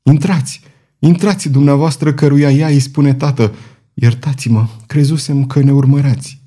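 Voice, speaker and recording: A man's voice: medium pitch, fairly even intonation, warm tone, breathy edge, pitched above the performer's own voice, close to an everyday voice. A man reading an audiobook, voicing an earnest, courteous young duke who speaks formally.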